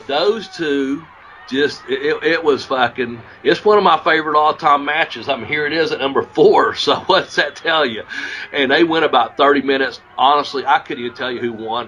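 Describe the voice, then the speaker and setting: A man's voice: mid-range voice, a bit bright, slight background noise, poor audio. A man hosting a podcast and telling wrestling stories in a rambling, profane way, losing his voice a little. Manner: rambling, profane, restarts often. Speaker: podcast host, former wrestler. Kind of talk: casual storytelling.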